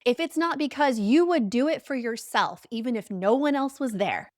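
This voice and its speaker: A woman's voice: on the high side, animated, moderate pace, no room sound, studio quality. A young adult woman speaking as a podcast guest and coach, emphatic and repeating key phrases for effect. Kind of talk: conversational podcast interview.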